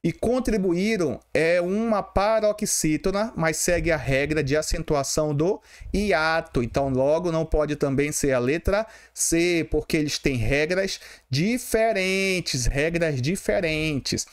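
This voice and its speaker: Brazilian male exam-prep teacher, voice a bit high, spells out syllables for the class. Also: a little slow, few pauses, clear, resonant tone. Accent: Brazilian Portuguese. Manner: talks to students directly, asks and answers his own questions, syllable by syllable. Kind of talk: explaining exam questions.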